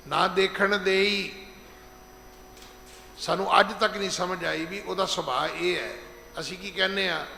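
Middle-aged man as head preacher, emphatic and high-voiced, recorded in a reverberant hall with faint background ambience. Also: gravelly, bright, forceful tone, a little hiss or hum. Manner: emphatic, slows down to stress scripture, acts out quoted speech. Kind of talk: gurdwara sermon. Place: large gurdwara hall.

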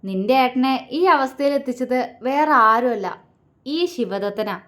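Sneering, menacing young man from a story, read by a woman, slow and taunting, voice sits a bit high. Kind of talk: storybook reading.

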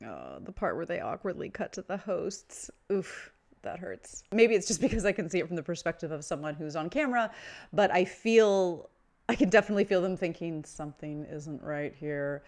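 Woman host doing news commentary, kinda low voice, scripted w casual asides, close mic. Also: sing-song, a little fast. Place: small furnished room with bookshelves, indoors. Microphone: desk microphone close in front.

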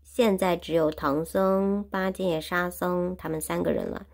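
A woman's voice: on the low side, steady tone, a little slow, vocal fry, darkish tone. A woman teaching Chinese who retells a classic story in simple words and repeats and explains each phrase. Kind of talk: storytelling lesson.

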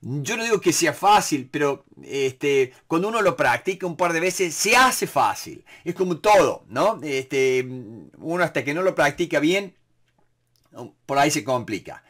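A man's voice: on the high side, sing-song, measured pace, a bit bright. A man with a Rioplatense Spanish accent, answering viewer questions about negotiation in a casual live talk, full of "este" fillers and quoted lines he acts out.

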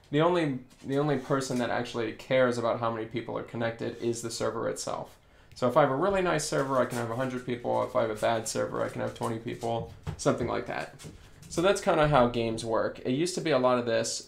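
A man's voice: mid-range voice, vocal fry, a little hiss or hum. A man live-streaming as a game developer, explaining in a casual way and thinking aloud while he works.

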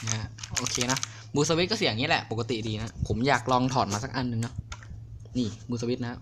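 A young man casually reviewing a mechanical keyboard, chatty and excitable, a little crude. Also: medium pitch, normal speed, background noise. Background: clicky keyboard typing.

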